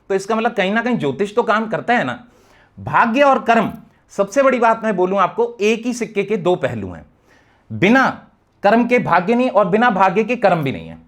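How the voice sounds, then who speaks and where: High-voiced man explaining astrology. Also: fairly bright tone. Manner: earnest, addresses viewers as friends, mixes in English terms. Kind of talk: explanatory talk to camera.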